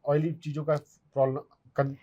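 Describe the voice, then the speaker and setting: A man's voice: a little high, level tone, normal speed, lo-fi sound. A man, an acupuncturist who explains health remedies step by step as he answers viewer questions. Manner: instructive, step-by-step, demonstrates on his hand.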